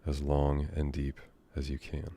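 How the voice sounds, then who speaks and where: This is a soothing, improvised guided meditation led by an American man whose voice is extremely low, dark and calm. There is very little rise or fall in his speech; he talks softly, without rush, pausing at length between thoughts.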